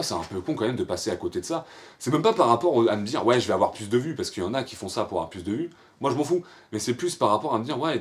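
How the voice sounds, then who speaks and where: Low-voiced young Frenchman rambling casually. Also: a little mellow. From France. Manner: rambling, filler-heavy, slangy and informal. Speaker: machinima creator answering viewer questions. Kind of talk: casual FAQ monologue.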